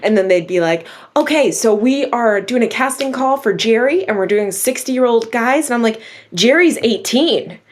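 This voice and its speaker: The writer of a radio drama chats in an interview conversation, laughing often and acting out quoted exchanges. She speaks at a moderate pace in an expressive voice on the high side.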